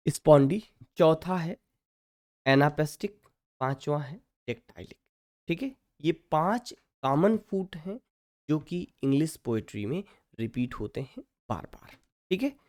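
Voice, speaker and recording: A man teaching an English literature lesson in Hindi mixed with English. He keeps checking with his students and slows right down to dictate definitions. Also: fairly high pitch, animated, darkish tone. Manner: mixes Hindi and English, keeps asking "ठीक है".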